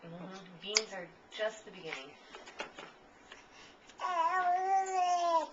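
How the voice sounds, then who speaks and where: A woman's voice: mid-range voice, expressive, unhurried. A woman feeding a baby at home, talking to the child in a sing-song, cooing voice in a casual home video recorded on a handheld camcorder. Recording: dull lo-fi camcorder audio with loud background noise.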